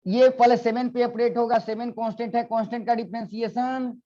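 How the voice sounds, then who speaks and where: A man's voice: extremely high pitch, little pitch movement, brisk, dark tone. A male physics teacher giving a classroom lecture, coaxing students and repeating questions. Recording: dull lo-fi classroom recording.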